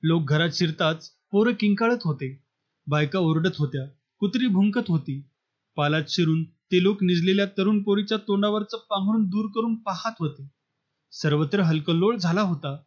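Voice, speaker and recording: Male audiobook narrator, dramatic storyteller, high-pitched, slightly muffled recording. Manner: dramatic storytelling, voices characters lightly. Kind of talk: scripted novel reading.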